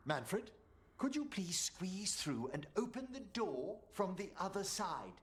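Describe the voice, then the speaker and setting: A man's voice: sits high, very animated, slow, heavily acted. An actor playing a refined, earnest elderly male necromancer in a video game, speaking with formal, precise diction.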